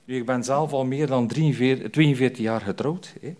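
Chatty and informal, this older prison chaplain's sermon is full of fillers and "hè" tag questions. His voice is medium-pitched, a little mellow, and moderately paced.

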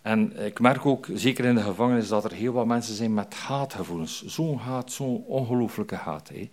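A man's voice: fairly low pitch, moderate pace, a little mellow. An older man preaching an informal sermon, chatty and full of fillers and tag questions. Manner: chatty, frequent "hè" tags and fillers. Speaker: prison chaplain preacher.

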